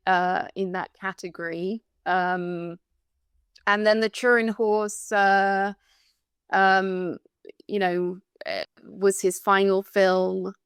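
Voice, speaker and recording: A woman from London talks slowly and carefully, with a gravelly edge under an otherwise smooth voice. She sounds thoughtful and a little hesitant as she works through her ideas about a film. The sound is close and dry. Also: mid-range voice, no room sound. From London, England. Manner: thoughtful and hesitant, searching for words. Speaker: podcast panelist. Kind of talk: casual film discussion.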